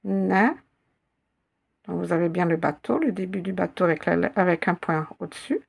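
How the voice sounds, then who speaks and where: A woman teaching an Arabic reading lesson in French, patiently repeating each syllable and word slowly for learners. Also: lowish voice, vocal fry, slightly rough. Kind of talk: slow spelled-out reading lesson.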